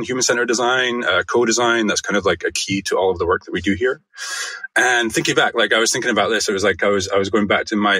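A man from Scotland with a Scottish accent, a guest answering interview questions in a quick, friendly way. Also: on the low side, bright, forceful tone, dry recording. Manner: quick, friendly, uses fillers like "kind of". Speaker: guest, design studio co-founder.

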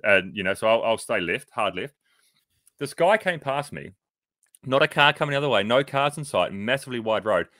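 Fast-talking New Zealand man. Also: mid-range voice, no room sound, studio quality. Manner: animated storyteller, swears freely. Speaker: podcast co-host. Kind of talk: casual chat.

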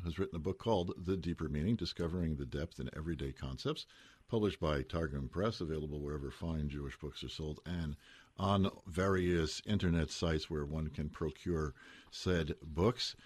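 A man hosting a radio talk show, speaking in measured, slightly formal phrasing. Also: deep voice, darkish tone, slightly rough, no echo.

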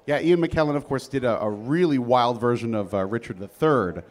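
A man's voice: mid-range voice, normal speed. A man hosting an on-stage interview on a cruise ship, playful and rambling. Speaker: host.

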